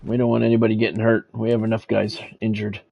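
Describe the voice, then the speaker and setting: The recording is muffled, and a man with a lowish voice and vocal fry talks fast in a completely flat delivery. As a streamer doing live play-by-play of a sports video game, he swaps announcer-style calls for casual asides to viewers, blending game commentary with chat.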